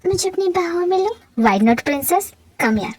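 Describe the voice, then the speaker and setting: A woman voicing a tender young husband in a fan audio drama, speaking low and softly to comfort his wife. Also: lively intonation, takes it slowly, no echo, full character voice. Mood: coaxing. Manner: soft, soothing, reassuring. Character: tender, devoted young husband, soothing and calm.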